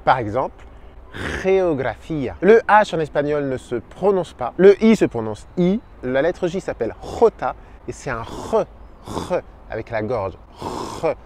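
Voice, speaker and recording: A man giving an upbeat video lesson as a language teacher, sounding out each letter slowly and clearly. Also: on the high side, animated, darkish tone. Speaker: Spanish teacher.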